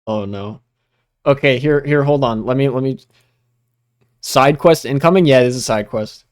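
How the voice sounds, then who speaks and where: Speaking at a medium pitch and moderate pace, a young livestream host reacts casually to on-screen text. His commentary rambles and swears freely, packed with fillers and laughter.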